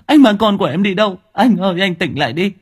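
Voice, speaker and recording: A man's voice: high-pitched, animated, fast talker, husky, pitched above the performer's own voice. A man voicing a sobbing, frantic young wife. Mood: pleading sobs. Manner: sobbing, pleading, stammering. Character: frantic young wife begging for her baby.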